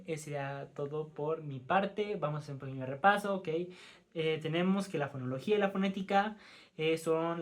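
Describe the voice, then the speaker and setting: A man talks through a language lesson as if he were the teacher of a class. He trips over technical words and restarts them, mixing the lecture with casual remarks aimed at his classmates. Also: a little high. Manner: stumbling over terms, frequent self-corrections; informal asides to the class. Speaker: student presenting as teacher.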